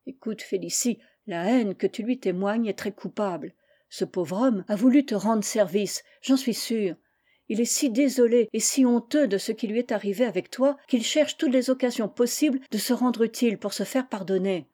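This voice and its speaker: A woman voicing a calm aristocratic mother who patiently scolds her daughter in an audiobook reading. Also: fairly high pitch, normal speed, natural voice. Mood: gently reproving. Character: gentle, reproving aristocratic mother.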